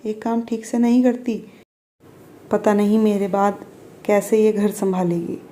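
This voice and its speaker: A woman voicing a fussy, scolding older mother-in-law who nags and shouts orders at her daughter-in-law in a storybook. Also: steady tone, unhurried, slight background noise, natural voice. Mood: scornful. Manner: shrill, nagging, shouts orders.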